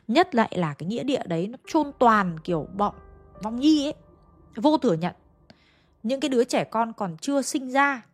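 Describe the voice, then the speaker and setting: A woman voicing an old grandmother who solemnly explains what has gone wrong, in a ghost story. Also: a little high. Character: old grandmother, grave and knowing.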